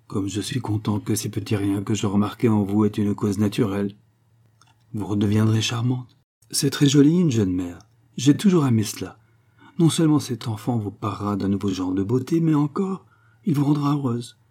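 A man's voice: fairly low pitch, moderate pace, mellow, slightly rough. A man voicing a pompous, self-satisfied aristocratic count who lectures at length. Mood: patronizing. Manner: grandiloquent, lecturing, full of himself.

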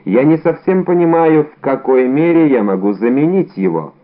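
A man voicing a calm, dry and mocking musketeer of around thirty, heard over a tinny phone-like sound. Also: fairly high pitch, moderate pace, pitched above the performer's own voice, lightly acted. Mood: calm ironic. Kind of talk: audiobook character reading.

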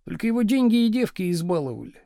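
A man reading an audiobook, voicing a meek, joking young husband who speaks softly and mildly. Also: high-pitched, big pitch swings, fast talker, vocal fry, no echo, studio quality, pitched above the performer's own voice, heavily acted. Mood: meek, wry. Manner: soft, mild, meek.

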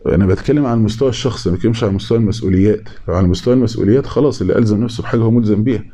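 Fast-talking Egyptian preacher, dark tone. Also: male voice, lowish voice. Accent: Egyptian Arabic. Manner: conversational, acts out imagined people in quick back-and-forth; repeats key phrases slowly for emphasis. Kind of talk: informal religious talk.

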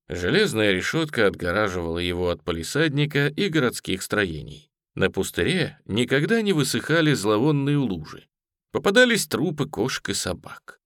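A man narrating a dramatic story, lively in delivery and voicing the dialogue. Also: fairly low pitch, dry recording, studio quality. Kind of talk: audiobook narration.

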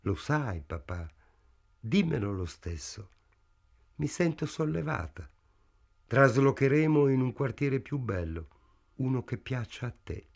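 A man voicing a gentle, loving young daughter in an audiobook, speaking softly and tenderly. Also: medium pitch, animated, unhurried, vocal fry, pauses often.

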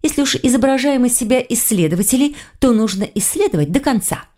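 A woman reading an audiobook, voicing a bold young female investigator in a brighter, higher voice. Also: expressive, quick pace. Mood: determined.

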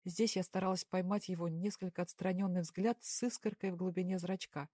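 A woman narrating a first-person story in a calm, even audiobook style. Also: lowish voice, fairly quick, dry recording, studio quality.

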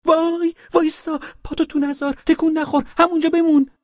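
Man doing a high-pitched bride, shrieking, bossy, disgusted, clean-freak, muffled audiobook recording. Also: fairly even intonation, dry recording. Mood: shrill commanding. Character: shrill fussy bride obsessed with cleanliness. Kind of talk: audiobook character voice.

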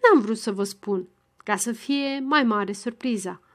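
A woman doing an excitable teenage girl. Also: close to an everyday voice. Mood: excited. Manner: high excited exclaiming.

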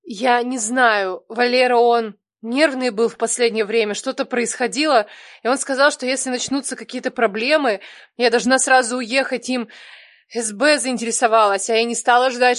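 A man's voice: extremely high pitch, steady tone, normal speed, a bit bright, no echo, studio quality, voice pushed up. A man voicing a prim ex-wife who pleads and bristles, raised well above his own voice in an audiobook. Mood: nervous. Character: ex-wife, prim, pleading then defiant woman.

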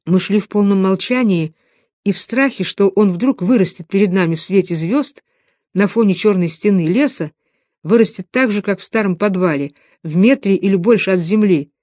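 Woman calmly reading a novel. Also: mid-range voice, moderate pace, no room sound, clean studio sound. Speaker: audiobook narrator. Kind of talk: novel narration.

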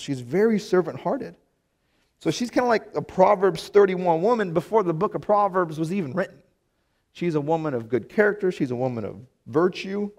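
A man teaching a Bible lesson in a casual, conversational way, full of fillers and restarts. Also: on the high side.

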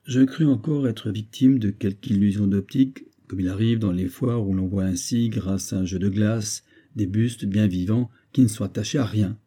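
Dark husky male storyteller. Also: lowish voice, fairly even intonation, normal speed, few pauses. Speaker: audiobook narrator. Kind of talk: literary story reading.

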